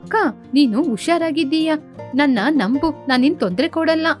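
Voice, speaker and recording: A playful, teasing young woman doctor in an animated storybook, as a woman narrator puts her on. Her voice is high and lively, with soft music playing faintly behind. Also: normal speed, lightly acted. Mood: earnest.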